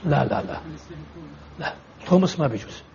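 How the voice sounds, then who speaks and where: A man's voice: fairly high pitch, animated, a little fast, vocal fry, a little mellow, dull audio, slight background noise. A man teaching religious law in a lecture, explaining with repeated examples and rhetorical questions as he answers students.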